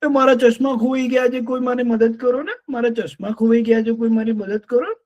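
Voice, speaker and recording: A man's voice: extremely high pitch, steady tone, a little fast, a little mellow, muffled recording, voice pushed up. A man voicing a chatty, plump, forgetful female lapwing who frets fussily in a children's story. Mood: fretting.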